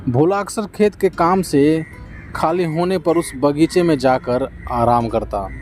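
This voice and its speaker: Man, storybook narration, gentle and steady, mellow tone, faint background music. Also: fairly high pitch, measured pace.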